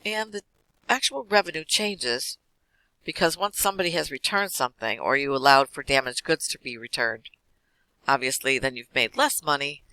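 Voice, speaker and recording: A man teaching an accounting class, walking through lecture slides quickly with casual fillers. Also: medium pitch, pushed and bright, clear, resonant tone, no echo, rough recording. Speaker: accounting instructor.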